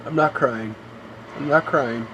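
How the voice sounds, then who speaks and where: A man's voice: medium pitch, measured pace, noisy background. Male game streamer, rambling and complaining, mid-range voice. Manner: rambling, complaining, fills with "you know". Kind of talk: live gameplay commentary.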